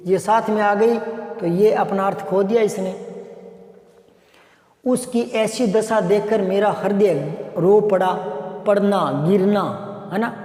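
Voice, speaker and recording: A man's voice: sits high, mellow. A man teaching a grammar lesson, explaining by repeating example sentences. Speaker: Hindi teacher. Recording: echoey room with long reverb.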